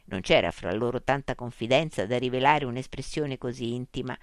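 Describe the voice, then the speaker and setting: A woman narrating a story in a measured, expressive reading. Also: very deep voice, no echo, studio quality. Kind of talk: audiobook narration.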